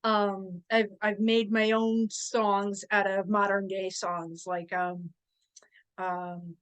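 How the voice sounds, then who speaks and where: A woman chatting as a podcast guest, telling stories in a hesitant way with frequent pauses and fillers. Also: mid-range voice, level tone, clean tone, rough recording. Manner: hesitant, with many fillers and restarts. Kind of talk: casual interview chat.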